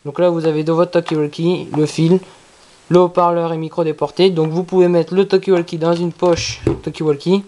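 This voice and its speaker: A product reviewer talking casually through an unboxing in a halting, repetitive way. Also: mid-range voice, little pitch movement, warm tone. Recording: clearly noisy with handling clicks.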